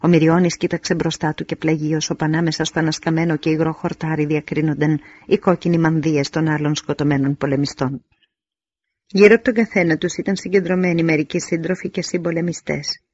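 A man reading a novel aloud in a measured, solemn first-person narration, on a dull lo-fi recording. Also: fairly high pitch, little pitch movement, a little mellow, no room sound. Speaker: audiobook narrator. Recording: dull lo-fi audio.

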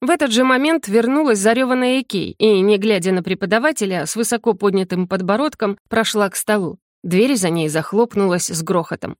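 A woman calmly reading a first-person audiobook narration. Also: medium pitch, no room sound, clean studio sound.

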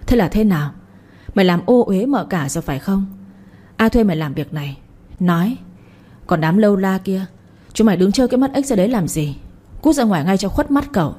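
A woman's voice: mid-range voice, animated, brisk, pauses often, warm tone, slightly rough. A woman voicing an angry young master in a storybook reading, barking orders at servants.

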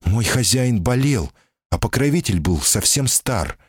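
A man's voice: medium pitch, big pitch swings, unhurried, husky, no echo, studio quality, pitched above the performer's own voice. A man voicing a timid, guarded female golem in human shape, anxious and pleading, in an audiobook reading. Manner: anxious, pleading, often cries out.

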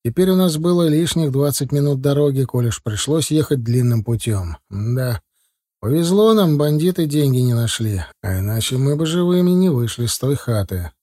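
Male audiobook narrator; measured first-person reading, dark, dry. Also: mid-range voice, no echo. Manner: measured, calm storytelling.

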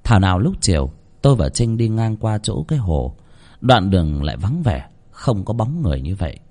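A man narrating a scripted horror story in a dramatic, expressive way. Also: lowish voice, brisk.

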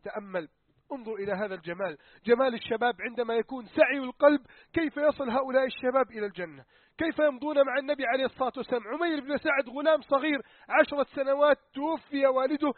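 A man preaching a sermon in dramatic storytelling style, emphatic and swinging between loud urgency and hushed tones. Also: very high voice, dry recording. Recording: tinny phone-like dry recording.

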